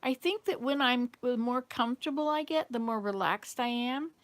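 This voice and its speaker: Speaking at a normal speed in a fairly high voice, a Southern-accented woman hosts a livestream. She replies to viewers' comments in a casual, meandering way, hopping between ideas.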